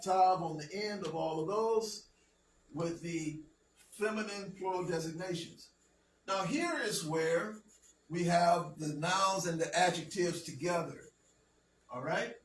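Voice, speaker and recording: A man teaching a language lesson to a class, speaking slowly and deliberately and often checking that everyone follows. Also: sits high. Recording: roomy, from a distance, faint noise.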